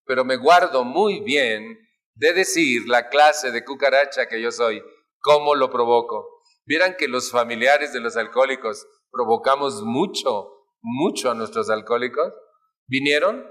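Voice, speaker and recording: A man's voice: mid-range voice, unhurried, a bit bright. A man with a Mexican accent giving a humorous talk to a live audience, playfully acting out family arguments with shifting voices. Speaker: speaker at a family recovery talk.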